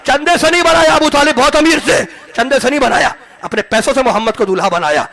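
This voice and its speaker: High-voiced, gravelly shouting male preacher. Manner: shouting, repetitive oratory, swinging between loud and hushed. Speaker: religious orator. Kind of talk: impassioned sermon. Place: mosque hall, live gathering.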